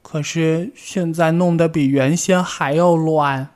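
A man voicing a young, excitable rabbit child in a storybook reading, talking loudly and scolding. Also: a little high, slow, voice pushed up. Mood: excited. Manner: loud, scolding.

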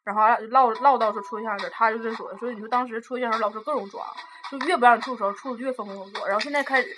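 A woman's voice: on the high side, rapid-fire, background noise. A woman, telling stories bluntly in a casual chat. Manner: lively storyteller, blunt and swearing. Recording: music playing under the voices.

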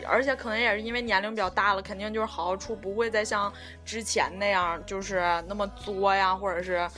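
Bright-voiced rambling woman. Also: medium pitch, steady tone, fairly quick, faint music behind. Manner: rambling storytelling full of fillers; swears casually. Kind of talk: casual chat.

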